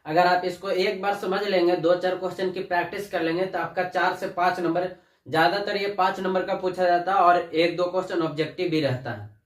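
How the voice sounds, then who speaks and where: A male teacher with a high-pitched voice and steady tone teaches a class briskly. He calls the students "बच्चा" ("child") and asks questions he then answers himself. The mic is distant and the room echoey.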